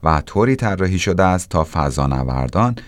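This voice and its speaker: A man's voice: deep voice, very animated, dry recording. A man presenting technology news as scripted narration.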